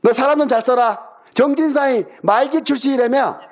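Very high-voiced man, cursing and hectoring. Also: normal speed. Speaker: caller in a heated argument. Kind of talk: angry phone argument.

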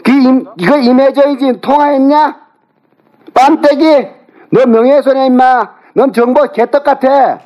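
A man in a heated phone argument, shouting and hurling insults at the other party. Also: very high voice, measured pace, poor audio.

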